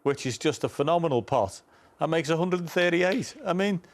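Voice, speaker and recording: A man giving unscripted, emphatic snooker punditry in an animated way. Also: a little high, normal speed.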